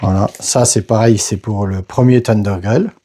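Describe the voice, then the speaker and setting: A man casually narrating a board game unboxing, hesitant and halting, filling pauses with little interjections as he handles each piece. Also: lowish voice, steady tone, dark tone. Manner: slow, hesitant, narrates each step with "voilà" and "hop".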